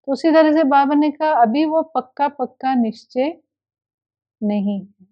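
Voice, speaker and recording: A woman spiritual teacher giving a daily spiritual discourse, explaining patiently and returning again and again to what her teacher said. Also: high-pitched. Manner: unhurried, explaining with repeated reported teachings. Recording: dull lo-fi recording.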